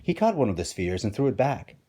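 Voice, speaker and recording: A man's voice: mid-range voice, very animated, brisk, warm tone, breathy edge. A man, a teacher, reading a storybook aloud with playful, wry asides to his listeners.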